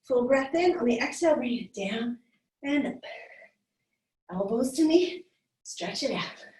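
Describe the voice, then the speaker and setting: A woman yoga teacher leads a live class with hand weights, calling out moves and counting down the seconds as she works out alongside. Her voice sits a little high and she sounds a touch winded. She is picked up from a distance in an echoey studio. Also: animated, a little slow, a little mellow. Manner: cueing moves, encouraging, slightly winded. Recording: echoey room, voice from far off.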